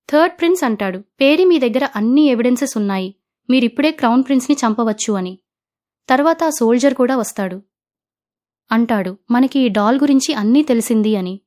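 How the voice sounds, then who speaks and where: A woman retelling the plot of a fantasy drama, quoting each character in her own steady narrating voice. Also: a little high.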